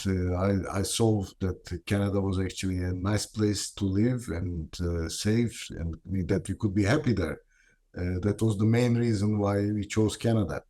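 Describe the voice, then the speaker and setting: A middle-aged man from Turkey, an immigrant entrepreneur, speaking haltingly in a documentary interview with many pauses. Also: sits low, mellow. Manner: hesitant, many pauses and fillers.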